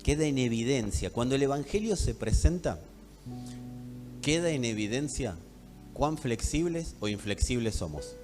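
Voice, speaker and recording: A man from Buenos Aires with a Rioplatense accent, preaching a sermon emphatically and addressing the congregation directly, dropping to hushed tones and rising to loud ones. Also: medium pitch, animated, moderate pace. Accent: Rioplatense Spanish. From Buenos Aires, Argentina. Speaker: pastor. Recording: echoey hall with faint music.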